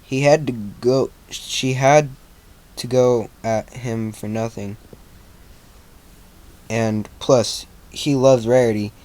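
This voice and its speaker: Man, mid-pitched, slow amateur story reader who trips over words and restarts; relaxed, casual. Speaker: fan fiction reader.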